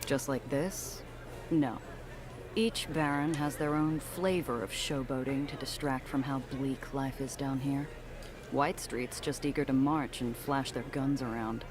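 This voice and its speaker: World-weary noir detective played by a man, measured delivery. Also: mid-range voice, crowd noise, natural voice. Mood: wry, weary. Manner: hard-boiled, brooding, flatly measured. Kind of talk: self-narrated noir detective monologue.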